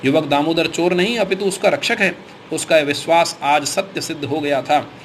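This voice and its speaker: A man narrates an audiobook in a steady, formal reading style. His voice sits a little high for a man. Faint noise lies under the recording. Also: normal speed.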